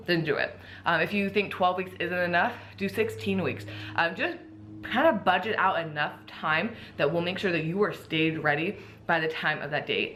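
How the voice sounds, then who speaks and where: An enthusiastic woman vlogger with a bright, forward voice that sits a little low. She chats casually and eagerly, and her words carry a slight lisp from the clear aligners on her teeth. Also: slight background noise. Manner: upbeat, enthusiastic, chatty. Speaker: vlogger, bikini competitor. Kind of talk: casual vlog talk.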